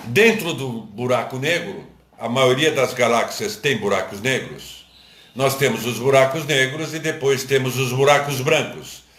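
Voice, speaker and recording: A man's voice: medium pitch, fairly bright tone, roomy sound. A man with a Brazilian Portuguese accent giving a live lecture, teaching step by step, repeating points and checking whether listeners follow. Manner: didactic, repeats and asks the audience if they understood. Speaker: esoteric lecturer.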